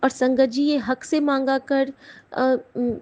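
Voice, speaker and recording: A woman's voice: high-pitched, level tone, takes it slowly, a little mellow. A woman giving an earnest, emotional devotional testimony to her listeners in a casual satsang talk. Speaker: satsang speaker.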